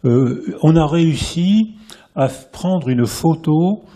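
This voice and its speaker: A husky-voiced man from France gives a lively public lecture to a live audience in a lecture hall. His pitch is fairly high and his pace slow, and he restarts phrases and builds his points through repetition.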